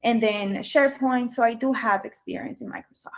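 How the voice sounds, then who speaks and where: Over a video call, a job candidate from Colombia, young and Spanish-speaking by birth, responds to interview questions. Her voice is somewhat high and brisk, though she stumbles with frequent ums and keeps restarting.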